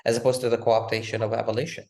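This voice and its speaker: A man with a mid-range, dark-toned voice talks rapid-fire yet with flat delivery as a guest author in an interview. He argues with passion and rhetorical force, leaning on repeated "again" and "right?" to drive his points home.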